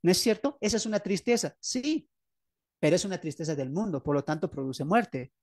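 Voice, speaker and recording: A man's voice: high voice, expressive, a little fast, darkish tone, no echo, studio quality. A man preaching as a pastor, explaining his book's teachings, often asking the audience questions and repeating key phrases for emphasis. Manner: asks the audience rhetorical questions. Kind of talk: teaching sermon presenting his book.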